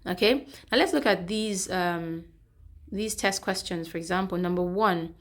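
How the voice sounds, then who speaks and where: A woman's voice: on the low side, a little slow. Woman teaching English pronunciation. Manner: explains step by step, repeats sounds, frequent "okay". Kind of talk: classroom-style pronunciation lesson.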